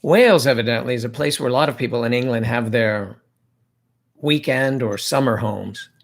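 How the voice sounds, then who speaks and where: Hosting a laid-back livestream, a man talks at a medium pitch and normal speed with some vocal fry. He drifts from topic to topic and reads viewer comments aloud to his guests.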